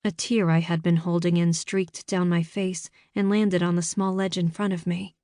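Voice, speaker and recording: A woman reading first-person scripted narration for an audiobook in a measured storytelling manner, in a studio. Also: fairly low pitch, flat delivery, warm tone, dry recording.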